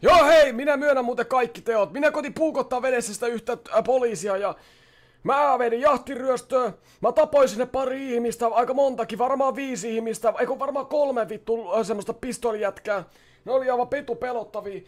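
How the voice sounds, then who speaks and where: A man playing a brash, foul-mouthed young criminal in a game roleplay, loud and frantic, swearing and threatening. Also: very high-pitched. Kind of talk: GTA roleplay, in-character shouting and swearing.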